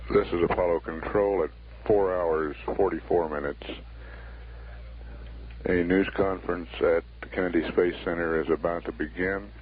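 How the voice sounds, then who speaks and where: Male mission control announcer, extremely deep and monotone, deadpan factual updates on a tinny 1960s broadcast line. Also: normal speed. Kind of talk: formal spaceflight status commentary. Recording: narrow 1960s broadcast line, faint noise.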